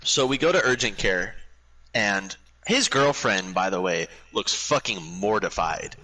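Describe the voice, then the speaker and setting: A man's voice: on the low side, unhurried, poor audio. A young man casually telling a crude story to friends over game chat, swearing a lot and acting out what each person said. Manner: profane, animated storyteller who acts out the quotes.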